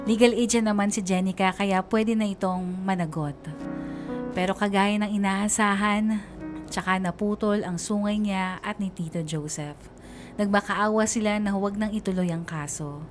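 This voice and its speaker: A woman's voice: medium pitch, close to an everyday voice. A woman playing a hurt young letter writer who narrates a radio drama in a sorrowful, confessional way with a Filipino accent. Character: hurt young woman recounting her betrayal.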